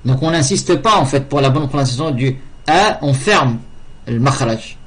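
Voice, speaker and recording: A man's voice: medium pitch, animated, normal speed, a bit bright. A man teaching a language and religion class, patiently repeating words to drill their pronunciation. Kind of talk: slow classroom lesson with repetition.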